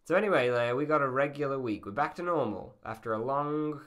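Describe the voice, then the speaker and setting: A podcast host chats casually in a rambling, self-deprecating way, his voice mid-range, brisk and fairly bright, sounding slightly feminine.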